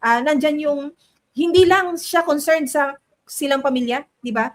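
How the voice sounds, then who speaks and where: A woman's voice: sits high, measured pace. A woman co-hosting a political commentary show, chatty, reading viewer comments aloud. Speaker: co-host.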